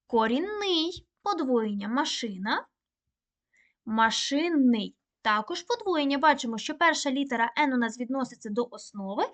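A woman teaching a recorded online primary-school lesson, dictating words slowly and clearly. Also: sits high, a bit bright. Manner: slow, clear, deliberate dictation.

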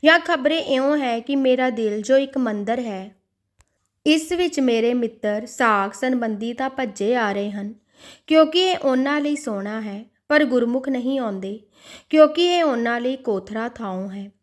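A woman's voice: on the high side, lively intonation, unhurried. A woman voicing a devout man who pleads with and scolds his own restless mind in an inner monologue. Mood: lamenting.

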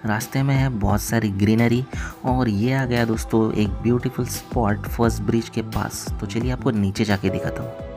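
A man's voice: fairly low pitch, fairly even intonation, normal speed, vocal fry, over music. Man narrating a rural travel vlog. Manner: guiding viewers with directions. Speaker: travel vlogger. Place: outdoors on rural roads and by waterfalls.

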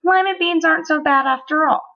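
A woman's voice: high-pitched, brisk, voice pushed up. A woman voicing a cheeky, clever young boy in an eager storybook voice, on a dull lo-fi recording. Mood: cheerful.

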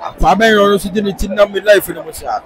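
Excitable Ghanaian man calling a football match. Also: high-pitched, normal speed, a little hiss or hum, low-quality recording. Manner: excitable, sing-song calls that rise into shouts. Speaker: football commentator. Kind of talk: live match commentary mixing English and Twi.

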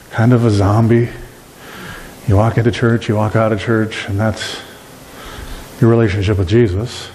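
A middle-aged man preaches with animated emphasis from the pulpit of a small church. His voice is mellow and dark, and it rings out in a long hall reverb, picked up by a camera at the back of the room. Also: medium pitch, a little hiss or hum. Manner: animated preaching with wide gestures. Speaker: pastor. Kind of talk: sermon. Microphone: far camera at back of room.

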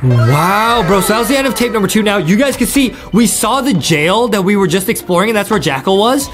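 A young adult gaming video host with a fairly high voice gives excited let's-play commentary at a fairly quick clip. He's animated and repeats himself while talking to viewers. Soft game music plays in the background.

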